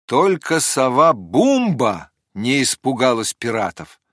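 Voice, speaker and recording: A man narrating a fairy tale audiobook in an expressive, measured storytelling manner. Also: medium pitch, dry recording, studio quality.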